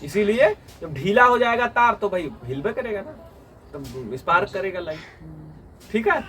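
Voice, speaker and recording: Recorded on a phone far from him, a male tuition teacher runs a small class, putting questions to students and getting them to respond. He speaks at a normal pace in a high, sing-song, pushed and bright voice, with faint music behind.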